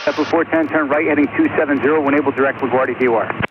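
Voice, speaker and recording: A man working as an air traffic controller, giving brisk clipped clearances over a crackly two-way radio. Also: mid-range voice. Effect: heard over a crackly two-way aviation radio. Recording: tinny radio channel with loud static.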